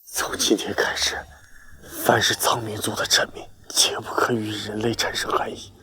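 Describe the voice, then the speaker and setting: An actor playing an aloof, dutiful young alien prince in a screen drama, stern, restrained and terse. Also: male voice, fairly low pitch, monotone, moderate pace, bright, forceful tone, in a whisper. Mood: solemn. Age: young adult.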